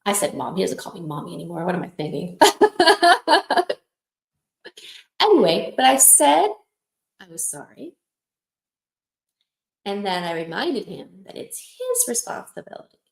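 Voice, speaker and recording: A woman hosts a casual support livestream, her voice sitting on the lower side. She talks in an affectionate, encouraging way, weaving in personal stories. The sound is roomy, with a clear echo from the room. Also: sing-song, moderate pace, long pauses. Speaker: host of a lupus support livestream.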